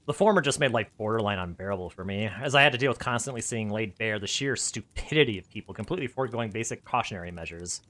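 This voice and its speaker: A man reads his own first-person story aloud with animated delivery. His voice sits on the low side but sounds bright and forward. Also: quick pace, few pauses.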